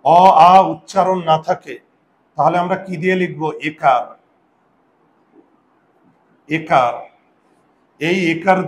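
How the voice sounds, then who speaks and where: Patient man teaching, slightly high voice. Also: low-quality recording. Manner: slow, patient, repeats words and asks students questions. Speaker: Bengali grammar teacher. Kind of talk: classroom grammar lesson.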